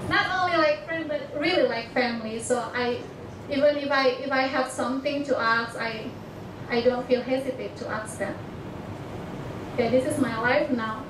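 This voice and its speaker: A young Indonesian woman whose first language is Batak gives a personal presentation to an audience in halting English, her voice high and often pausing as she searches for words. She is an international student, recorded by a distant mic in an echoey lecture hall with clear background noise.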